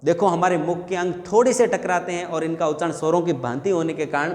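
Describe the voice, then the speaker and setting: A man's voice: on the high side, a little fast, a little mellow. A man teaching a Hindi grammar lesson for exam prep, asking questions and answering them himself. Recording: echoey room with long reverb.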